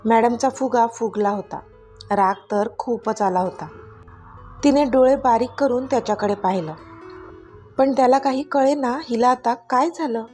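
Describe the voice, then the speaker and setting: A woman's voice: a little high, unhurried, a little mellow, soft background music. Woman narrating a romance story.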